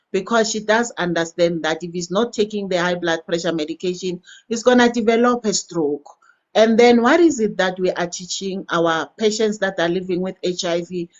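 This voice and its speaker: A woman, a nurse trainer, speaking on a live stream in a measured, explanatory way. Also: medium pitch. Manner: measured, explanatory, many fillers and restarts. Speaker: nurse trainer joining as a guest. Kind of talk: unmuted caller on a live stream. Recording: lo-fi call audio.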